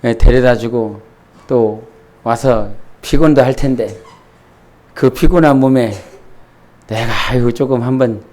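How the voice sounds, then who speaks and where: A man's voice: medium pitch, a little slow, pauses often, darkish tone. A middle-aged man, a pastor, preaching a sermon in church and telling a candid, self-deprecating story full of restarts.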